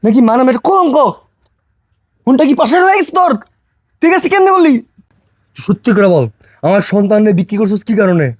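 A man playing a frantic village father, very high voice. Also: quick pace, no room sound. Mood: furious. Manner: shouting, accusing, pleading. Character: distraught village father, home after long away. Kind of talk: amateur short film drama.

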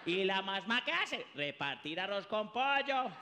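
A man performing a stand-up comedy routine, animated with ironic asides. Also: sits high, measured pace, in a large hall, slight background noise.

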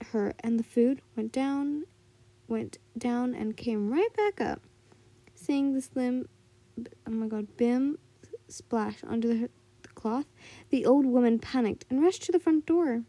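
A woman narrating an amateur fan fiction story, haltingly, often stumbling over words and correcting herself. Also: high-pitched, mellow, dry recording.

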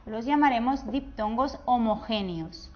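A woman, teaching a grammar lesson patiently and slowing down to spell out words and syllables. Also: fairly high pitch, muffled recording, slight background noise.

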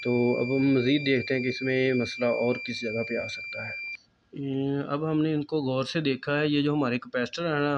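Flat-voiced man explaining repairs. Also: mid-range voice, highs cut off, slight background noise. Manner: calm, explanatory, pointing things out. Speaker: repair technician. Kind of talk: step-by-step repair tutorial. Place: electronics repair workbench indoors.

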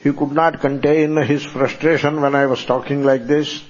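Man, scripture teacher, enthusiastic, slightly husky voice, dull lo-fi hall recording. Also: fairly high pitch, flat delivery, moderate pace. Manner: enthusiastic, repetitive, chuckling teacher. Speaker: Vedanta teacher. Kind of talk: scripture lecture to a class.

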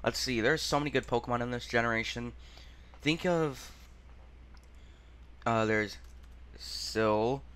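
A man hosting a gaming channel, thinking aloud through a quiz in a muttering, halting way and sounding out words as he goes. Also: mid-range voice, fairly bright tone, clean tone.

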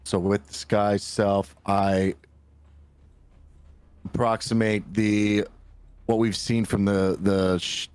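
A man plays a tabletop game and talks in a loose, casual way, swearing freely. His voice sits a bit low, and it is recorded dry and close with no room sound. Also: level tone, slow pace, pauses often, darkish tone, clean tone, no room sound. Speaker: player.

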